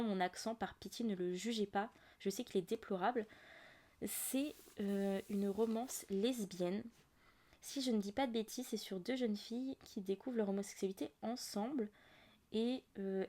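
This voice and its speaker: A woman's voice: medium pitch, moderate pace, warm tone. A young woman hosting a casual book podcast, chatty and full of asides and fillers. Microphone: audio-only podcast mic.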